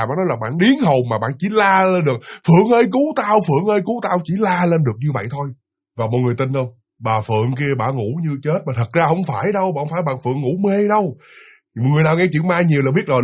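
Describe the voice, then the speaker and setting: A man telling a ghost story in a casual, lively way, acting out voices and sounds. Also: on the high side, breathy edge.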